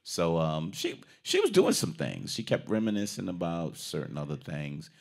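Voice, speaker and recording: A man's voice: moderate pace, creaky. A man casually retelling a film's plot as a review co-host, acting out the characters' lines and swearing freely. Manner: animated, acts out characters' lines with big pitch jumps.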